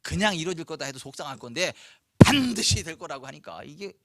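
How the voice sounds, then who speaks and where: A male pastor preaching a sermon, reading scripture slowly and asking the congregation rhetorical questions. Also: a little high, lively intonation, gravelly, a bit bright. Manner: slow, weighty scripture reading.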